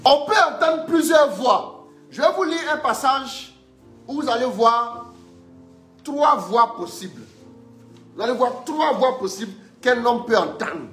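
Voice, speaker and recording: Emphatic high-voiced male preacher. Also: animated, measured pace, a bit bright, reverberant, soft background music. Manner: emphatic, repeats phrases, urges listeners on. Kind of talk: live-streamed teaching sermon.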